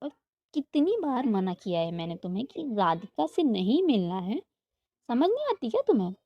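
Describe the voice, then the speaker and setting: A woman's voice: on the high side, very animated, dry recording. A woman putting on a stern scolding mother. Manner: scolding, rapid and insistent. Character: stern middle-aged mother scolding her daughter. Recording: dull lo-fi dry sound.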